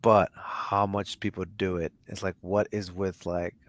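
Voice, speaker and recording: A man's voice: sits low, little pitch movement, measured pace, dry recording. A man co-hosting a casual podcast chat, speaking emphatically in slang and swearing.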